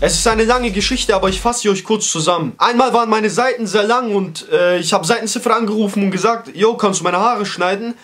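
High-voiced young man telling a comic story. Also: fairly quick, hardly any pauses, faint music behind. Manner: animated, street slang, acts out the dialogue. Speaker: comedy YouTuber.

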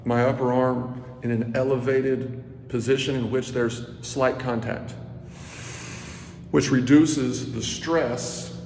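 Holding his phone out at arm's length, a man in his thirties walks a building's stairwell and teaches a movement practice to the camera. He has a mid-range, darkish voice and takes his time, stretching words and letting murmured asides fade nearly to a whisper. Echo and noisy ambience fill the recording.

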